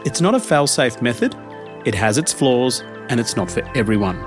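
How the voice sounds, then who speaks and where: A man's voice: medium pitch, very animated, normal speed, music in the background. A man hosting a podcast, giving a prepared explainer. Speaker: podcast host.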